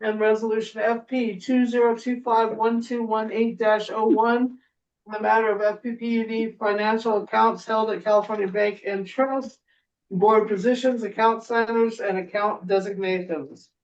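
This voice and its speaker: A woman chairing a public board meeting, talking with many fillers and pauses around a lozenge in her mouth. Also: on the high side, level tone. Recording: muffled distant room mic.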